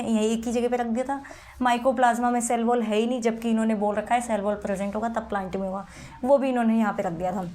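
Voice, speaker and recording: A woman's voice: fairly high pitch, a little mellow. A woman teacher giving a step-by-step biology lesson in a mix of Hindi and English, calling her students "beta" and asking them questions as she goes. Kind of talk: Hindi-English classroom lecture.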